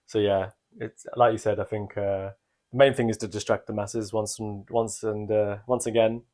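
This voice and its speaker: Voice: medium pitch, little pitch movement, normal speed, mellow. A podcast co-host chatting casually and comedically, with a jokey, sarcastic, slangy way of talking.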